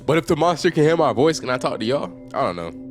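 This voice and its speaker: A man giving casual, slangy gameplay commentary, reacting out loud in an animated way. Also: on the high side, fast talker, faint music behind. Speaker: gaming video creator.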